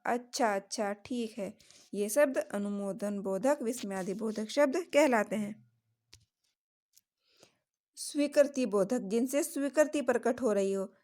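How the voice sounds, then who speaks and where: A woman teaches a grammar lesson in a slow, careful way. Her voice sits somewhat high, and she walks through examples one by one. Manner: slow, steady explaining with examples.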